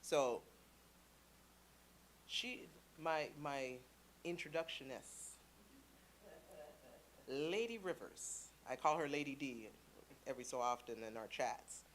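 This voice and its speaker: A woman's voice: extremely low pitch, lively intonation, slow pace, long pauses, a little hiss or hum. Chatty woman preaching to a congregation. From Canada. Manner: chatty storytelling with playful asides. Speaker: church speaker. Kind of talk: lively sermon talk to a congregation.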